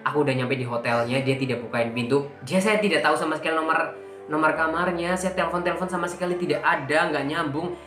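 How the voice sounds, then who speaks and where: A man vlogger telling a personal story in casual talk, emotional and animated, acting out what people said. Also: a little high, fast. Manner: emotional, animated retelling with acted-out quotes. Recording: echoey room with faint background music.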